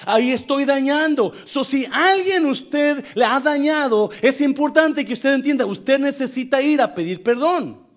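A man preaching a sermon to his church, animated, acting out what people say in shifting voices and dropping in English fillers. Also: extremely high pitch, unhurried. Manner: animated, acts out quoted speech in shifting voices. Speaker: pastor.

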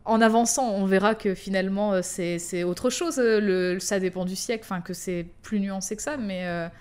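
A woman's voice: mid-range voice, normal speed, darkish tone, clear, resonant tone. A woman co-hosting a podcast in casual chat, joking and laughing often. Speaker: podcast co-host.

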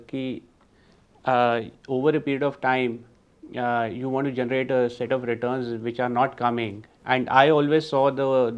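Man, Indian accent, mid-pitched, explanatory, halting phrasing, occasional Hindi words, interview guest. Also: clear, resonant tone, dull audio. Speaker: guest, full-time investor. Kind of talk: conversational interview discussion of investing.

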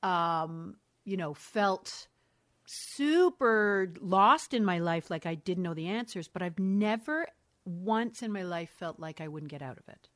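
A middle-aged mother of three, speaking as an interview guest with a fairly low, fairly bright voice, lively intonation and a measured pace. She reflects candidly and thoughtfully in conversation, often restarting sentences, correcting herself and laughing.

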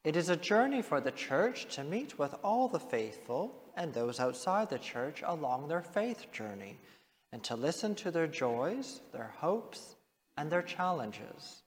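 A man's voice: a little high, big pitch swings. Man reading in a cathedral echo. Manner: measured, formal, unhurried delivery. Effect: cathedral echo, long church reverb. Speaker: priest reading at Mass. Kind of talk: liturgical Gospel reading and parish announcements. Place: large church. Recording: long reverb of a large church.

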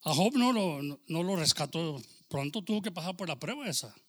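A man's voice: fairly high pitch, expressive, fairly quick. A man preaching a sermon, calling out to his listeners as brother and punctuating with praise, slipping into English phrases now and then. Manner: preaching with rising fervor, calling out "hermano" and "aleluya"; code-switches into English phrases.

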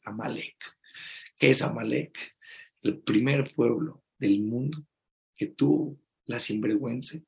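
A rabbi teaching Torah in a sermon, mixing Hebrew phrases into his Spanish, emphatic and shifting from soft, intimate asides to loud exclamations. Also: medium pitch, creaky.

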